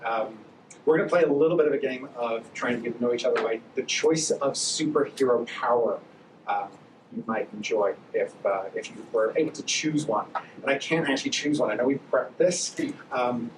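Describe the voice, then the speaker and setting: A man moderating a panel on a conference stage, chatty and relaxed with many fillers. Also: medium pitch. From born in Hawaii, raised in the UK. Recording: echoey hall, mic far off, audible noise.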